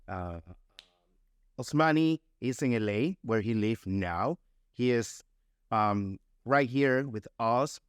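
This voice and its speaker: A man from the Republic, hosting a casual interview in a halting, effusive way and mixing in words. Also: mid-range voice, clear, resonant tone, dry recording, studio quality. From Dominican Republic. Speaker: podcast host.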